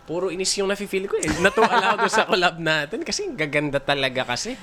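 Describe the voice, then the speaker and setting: A man's voice: sits high, animated, quick pace, a loud crowd. A man as a guest on a casual podcast, enthusiastic and playful, mixing Tagalog with English. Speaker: guest, page creator.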